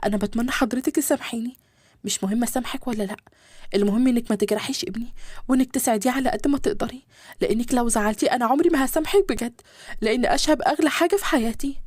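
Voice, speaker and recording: A woman with an Egyptian accent voicing a proud, wounded wealthy mother who speaks high and reproachfully in a storybook reading. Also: very fast, a little mellow, no room sound, lightly acted. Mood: firm. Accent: Egyptian Arabic.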